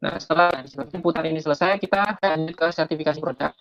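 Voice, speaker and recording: A man's voice: a little high, steady tone, dry recording, faint music behind. Man on a choppy, breaking-up call. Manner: halting, with frequent restarts and filler sounds. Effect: choppy, breaking-up internet call audio. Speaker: online presenter demonstrating a product data form. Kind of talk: step-by-step webinar walkthrough. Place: remote location with a weak internet signal. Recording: muffled online call audio.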